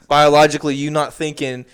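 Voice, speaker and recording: A young man co-hosting a casual podcast chat, animated and rambling, full of slang and restarts. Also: on the high side, moderate pace, clear, resonant tone. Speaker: podcast co-host.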